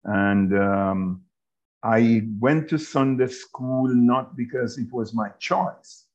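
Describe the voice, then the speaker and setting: A Jamaican man in his sixties, a bishop speaking as an interview guest, in a measured, halting way with many pauses. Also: medium pitch, a little mellow, highs cut off. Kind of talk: casual interview talk.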